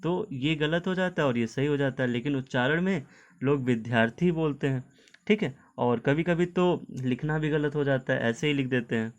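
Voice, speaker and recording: A man's voice: medium pitch, moderate pace. A man teaching Hindi pronunciation in an online video lesson. He explains patiently, often checks in with "okay", and mixes English words into his Hindi.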